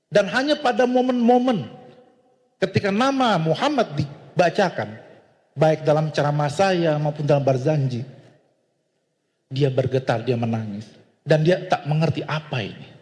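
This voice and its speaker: A man preaching to a congregation, his voice sitting high. He tells the story with animated energy and acts out the dialogue. A long reverb trails each phrase. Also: moderate pace, pauses often. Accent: Indonesian. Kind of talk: sermon storytelling. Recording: hall reverb.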